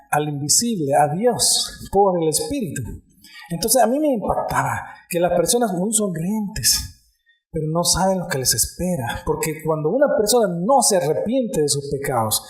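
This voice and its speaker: A man's voice: high voice, a little mellow, echoey room. A male pastor preaching a sermon, calling "amén" often and speaking straight to the congregation. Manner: preaching with frequent "amén" and direct address to the congregation.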